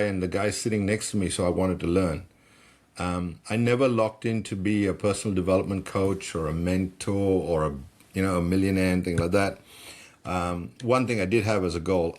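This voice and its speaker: A middle-aged man from Malaysia, a personal development coach being interviewed, telling stories in an animated way and often restarting words as he gets excited. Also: low-pitched. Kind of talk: conversational storytelling.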